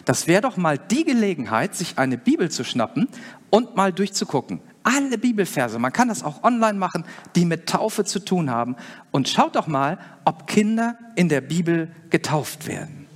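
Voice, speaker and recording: Male preacher, fairly high voice, earnest and explanatory, sermon in a big echoing hall. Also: sing-song, moderate pace. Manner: earnest, explaining, asks listeners questions. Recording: long hall reverb.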